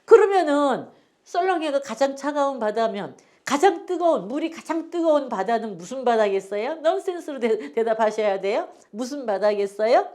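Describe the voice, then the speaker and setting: A woman's voice: sits high, animated, normal speed, a little mellow. A woman teaching English phonics to older learners, patiently repeating each word for them to copy.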